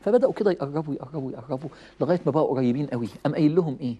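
A man with an Egyptian Arabic accent giving a lively religious talk, telling stories, chuckling and acting out quoted lines. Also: fairly high pitch, very fast, highs cut off, a little hiss or hum. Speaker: preacher.

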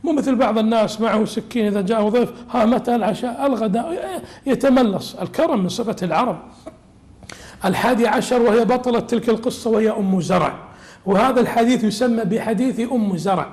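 A man delivers a religious lesson as a sheikh, explaining a classical text. His voice sits high and he talks quickly. He keeps it lively with humorous asides.

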